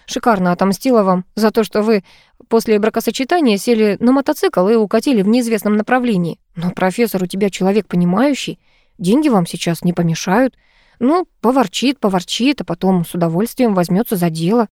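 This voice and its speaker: A woman's voice: mid-range voice, brisk, darkish tone, no room sound, studio quality, close to an everyday voice. A woman voicing a bossy, playfully teasing young woman friend in an audiobook. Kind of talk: audiobook character reading.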